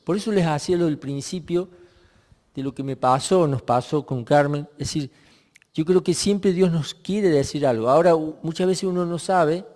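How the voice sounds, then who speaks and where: A man preaching in a reflective way, his voice fairly high for a man but dark and mellow. He pauses and restarts his sentences as he works through a passage. A long reverb trails behind his voice. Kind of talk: sermon.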